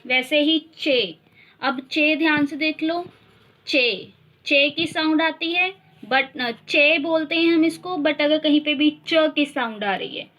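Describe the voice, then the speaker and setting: Slow, high-voiced woman teaching shorthand. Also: a bit bright, muffled recording. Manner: slow, repeats sounds and words to drill them. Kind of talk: instructional explanation.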